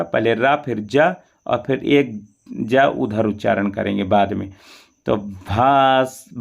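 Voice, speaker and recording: Slow, gravelly man teaching mantra chanting. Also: medium pitch, lo-fi sound. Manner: slow, drawn-out chanting of each syllable between quicker explanations. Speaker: Sanskrit recitation teacher. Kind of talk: mantra pronunciation lesson.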